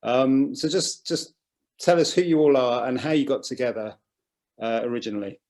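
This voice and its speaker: A male interviewer from England keeps things light and informal, cracking jokes as he goes. He often restarts his questions mid-sentence. His voice sits at an ordinary middle pitch. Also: moderate pace, a little mellow. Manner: jokey, chatty, with false starts. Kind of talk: casual interview chat.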